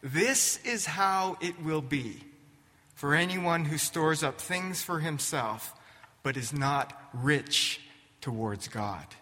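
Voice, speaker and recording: An earnest, compassionate teacher who pleads and warns, as a preacher puts him on. His voice is bright and slightly raised, and his delivery is slow and deliberate. A long hall reverb hangs on every word. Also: a little high. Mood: warning. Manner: earnest, pleading, by turns warning and gentle. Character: compassionate, urgent male teacher of followers.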